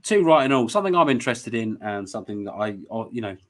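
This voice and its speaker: A man's voice: mid-range voice, sing-song, fast. Rambling, hesitant male host. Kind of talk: casual conversation.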